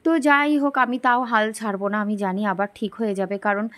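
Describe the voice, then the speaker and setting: A young woman, talking softly and slowly through a daily vlog while feeling unwell. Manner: soft, slow and low-energy. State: unwell and tired. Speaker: vlogger. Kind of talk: daily life vlog voice-over.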